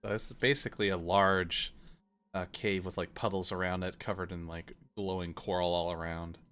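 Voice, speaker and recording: A man with a low voice and a bright, crisp edge narrates a tabletop game as game master. He talks loosely and casually, with plenty of fillers as he describes the scene. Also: level tone, moderate pace.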